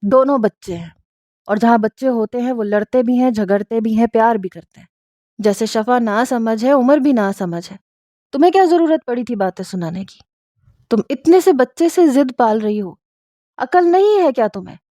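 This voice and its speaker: Hot-tempered young husband, scolding, mellow dry tone, read by a woman. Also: fairly high pitch, no room sound, lightly acted. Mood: angry. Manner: sharp, scolding outbursts. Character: angry protective young husband, quick-tempered. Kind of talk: storybook reading.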